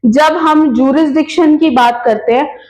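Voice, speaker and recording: A woman's voice: sits high, normal speed, darkish tone, roomy sound, poor audio. A woman teaching a law class, mixing Hindi and English, asking questions and answering them herself, repeating key terms. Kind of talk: lecture.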